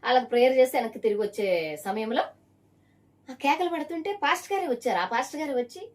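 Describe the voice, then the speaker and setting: A woman from the Visakhapatnam area of Andhra Pradesh preaches her testimony emphatically, firing pointed rhetorical questions at one listener. Her voice sits high and sounds darkish, with lively intonation at a fast pace, recorded from a distance.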